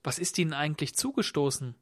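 A man's voice: a little high, animated, quick pace. A man voicing a puzzled host who keeps asking startled questions. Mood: astonished. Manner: astonished, fussing questions. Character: puzzled, concerned male host Michael.

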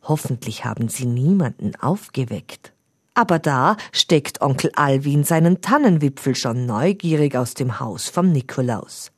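A woman narrates a children's story in an expressive way, in a low voice that moves a lot in pitch. She reads slowly with a husky grain. The recording is dry and close. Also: no room sound. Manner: expressive, does character voices.

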